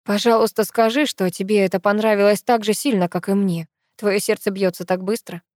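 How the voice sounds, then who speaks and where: A woman's voice: mid-range voice, steady tone, a little fast, darkish tone, no room sound, clean studio sound, lightly acted. A woman reading a drunk, drowsy young man. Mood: tender. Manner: murmuring, self-doubting. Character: drunk sleepy young man, tender and insecure.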